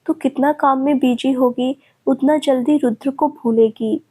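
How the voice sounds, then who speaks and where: A woman's voice: high-pitched, steady tone, unhurried, dark tone, slightly rough. A woman narrator voicing a young female friend who scolds and coaxes with care. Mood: caring. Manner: scolding but caring.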